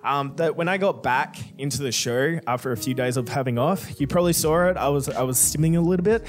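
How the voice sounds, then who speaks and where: A man's voice: on the high side, fairly quick, soft background music. A young man, answering fan questions in a casual, crude, joking way with plenty of swearing.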